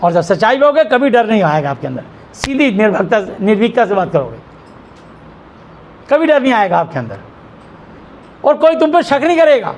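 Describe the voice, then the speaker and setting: A middle-aged male pastor preaches with strong emphasis, his voice sitting notably high for a man. He asks pointed questions and answers them at once. A faint hiss of noise runs beneath his speech. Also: very animated, moderate pace, pauses often. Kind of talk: sermon. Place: church hall with a congregation.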